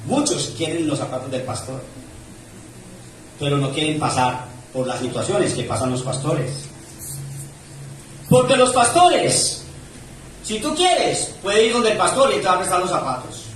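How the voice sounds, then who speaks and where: Male pastor with a high voice, preaching with swelling emphasis, heard from a distance in an echoey church. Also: expressive, unhurried, pauses often, slight background noise. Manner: preaching with rising and falling emphasis, reads scripture aloud. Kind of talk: sermon. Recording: echoey church room from far off.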